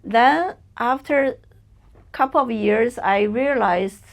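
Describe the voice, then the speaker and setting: Speaking slowly in a fairly high pitch with vocal fry, a woman from China with a Chinese accent is interviewed as a podcast guest about personal matters. A native Chinese speaker, she is hesitant, searching for words with many fillers.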